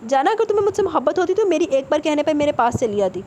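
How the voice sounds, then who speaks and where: A woman's voice: high-pitched, big pitch swings, dark tone, slight background noise, voice pushed up. A woman voicing a possessive young man who coaxes his girlfriend with intense promises. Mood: hurt. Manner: coaxing, intense.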